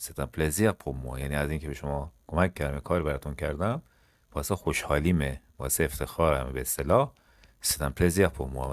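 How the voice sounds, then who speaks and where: Deep-voiced man teaching French, slow drills. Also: no room sound, clean studio sound. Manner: slow, exaggerated model sentences between fast explanations. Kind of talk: language lesson.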